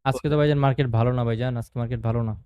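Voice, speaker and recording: A man's voice: mid-range voice, fairly even intonation, racing, warm tone, clean tone, dry recording. A man with a Bangladeshi Bangla accent teaching a live online trading class, asking questions and answering them himself and mixing in English terms.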